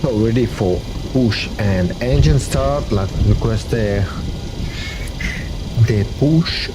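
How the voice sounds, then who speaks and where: A man playing flight simulator pilot, giving deliberate radio calls and commentary. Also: medium pitch. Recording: clear aircraft cockpit noise. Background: aircraft cockpit hum.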